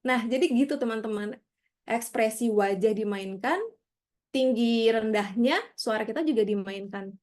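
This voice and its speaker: A woman's voice: on the high side, moderate pace, a little mellow. A woman leading an online public speaking workshop over a video call, friendly and coaxing as she calls on participants.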